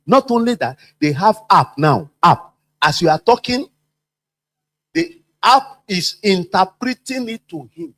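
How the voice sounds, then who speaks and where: A man teaches a class with a lively voice that swings up and down a lot. He sits a bit high for a man and keeps acting out the people he quotes. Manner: animated, repetitive, acts out quoted voices. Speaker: trainer. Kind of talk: workplace training talk.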